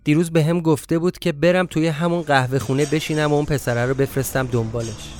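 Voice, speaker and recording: A man's voice: on the high side, steady tone, darkish tone. A man narrating a first-person story in a confiding, reflective way. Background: faint music.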